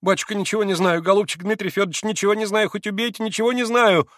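A male reader voicing a terrified young housemaid who pleads in a high, breathless voice. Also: fairly even intonation, rapid-fire, a bit bright, no echo, clean studio sound. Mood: pleading.

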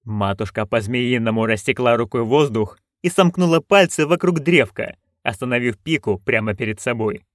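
A man narrating an audiobook in an expressive, animated way. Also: mid-range voice, normal speed, hardly any pauses, no room sound, clean studio sound.

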